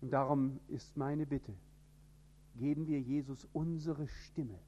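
A man from northern Germany with a standard High German accent, preaching an emphatic sermon. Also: steady tone, takes it slowly, lo-fi sound. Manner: emphatic, with sudden rises in pitch and loudness.

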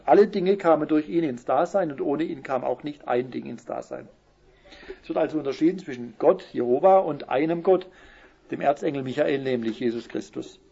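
A man giving a Bible teaching talk, who explains verses and reads the quotes slowly with emphasis. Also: a little high, dark tone, slightly rough. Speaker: preacher. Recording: muffled lo-fi recording.

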